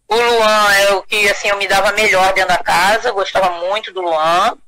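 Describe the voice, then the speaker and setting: A woman being interviewed, recalling things casually and haltingly as she searches for words. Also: mid-range voice, steady tone, a crowd in the background, rough recording. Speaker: interviewee, witness.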